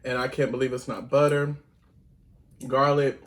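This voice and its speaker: A man's voice: mid-range voice, flat delivery, normal speed. A man, talking casually to viewers while eating a seafood and steak meal at home. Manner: chatty, addresses viewers as y'all, hums while chewing. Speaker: mukbang vlogger. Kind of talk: casual eating vlog chat.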